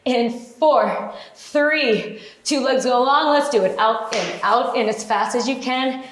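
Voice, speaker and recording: A woman's voice: a little high, slow, a bit bright, slight background noise. A woman working as an aerobics instructor, leading a workout with short, encouraging, directive cues and counted-out moves. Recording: echoey, roomy sound.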